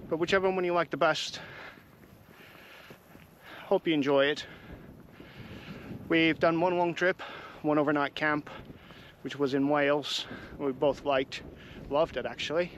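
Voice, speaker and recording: A man's voice: a little high, steady tone, a little slow, long pauses, a bit bright, a little hiss or hum, rough recording. Chatty English man vlogging on a hike. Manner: chatty, friendly, talks while walking uphill. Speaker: hiking vlogger. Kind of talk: casual walking vlog chat to camera. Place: outdoors on hilly countryside trails. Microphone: camera mic while walking.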